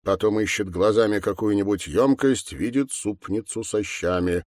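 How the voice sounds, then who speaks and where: A man narrating an audiobook in a matter-of-fact, measured way. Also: fairly low pitch, darkish tone, dry recording, studio quality.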